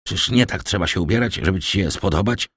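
A man's voice: deep voice, fairly quick, fairly bright tone, husky, dry recording, studio quality. A man voicing a jealous young soldier who pleads with the woman he loves and turns bitter.

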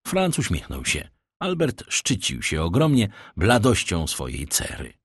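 Expressive low-voiced male narrator. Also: measured pace, breathy edge, dry recording, clean studio sound. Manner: expressive storytelling. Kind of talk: audiobook narration.

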